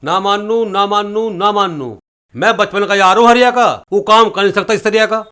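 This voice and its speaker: A man's voice: high voice, normal speed, bright, forceful tone, smooth. An actor with a Haryanvi accent playing a placating, wry village headman.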